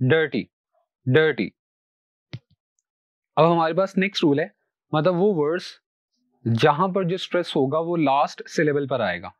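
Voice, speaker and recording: A man teaching word stress in Urdu. He explains each rule, then says every example word twice, slowly and carefully. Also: on the high side, no room sound. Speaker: English pronunciation teacher. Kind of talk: recorded lecture.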